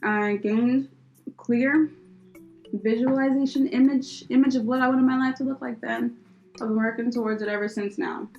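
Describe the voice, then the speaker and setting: A woman's voice: on the high side, fairly even intonation, moderate pace, creaky, darkish tone, lo-fi sound, faint music behind. Giggly young woman chatting on a podcast. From United States. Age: young adult. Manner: laughs often, rambling with many fillers. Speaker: podcast co-host. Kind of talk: casual chat.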